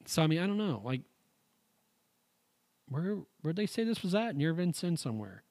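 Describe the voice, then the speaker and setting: A man's voice: on the high side, big pitch swings, moderate pace, a little mellow. Rambling podcast host man. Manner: rambling, jokey, thinks aloud with restarts. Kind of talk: casual chat, reading UFO stories.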